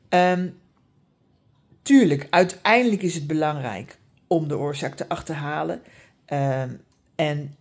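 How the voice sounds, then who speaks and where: A woman who specialises in dog behaviour gives calm, patient training advice, with many fillers and frequent tag questions. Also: deep voice, husky. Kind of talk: explanatory advice talk.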